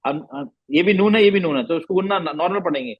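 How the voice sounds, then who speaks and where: A man's voice: sits high, fast, husky, no room sound, lo-fi sound. A man teaching recitation rules to a class, patiently repeating sounds and asking questions.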